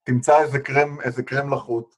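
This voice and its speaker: A man's voice: medium pitch, level tone. Casting: man, mid-range voice, teasing and eager co-host in casual chat.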